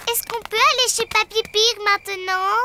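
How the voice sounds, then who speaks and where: A woman voicing a cheerful, curious little girl pig in a children's cartoon, polite and excitable, with simple childlike phrasing. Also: extremely high pitch, moderate pace, a little hiss or hum, full character voice.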